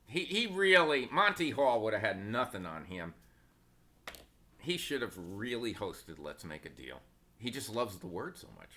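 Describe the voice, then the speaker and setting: A man's voice: lowish voice, big pitch swings, a little slow, sharp tone. A man giving casual stock market commentary, opinionated and sarcastic, wandering into asides.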